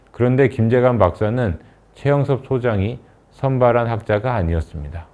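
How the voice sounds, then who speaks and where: Low-voiced man lecturing, thin phone-like sound. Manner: measured, formal narration. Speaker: university lecturer. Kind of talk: scripted lecture.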